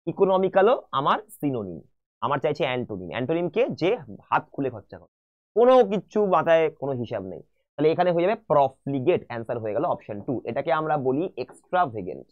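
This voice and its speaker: A man's voice: on the high side, muffled recording. A man teaching an English exam-prep class online, asking his students question after question and mixing English terms into his explanations. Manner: animated, asks the students many questions.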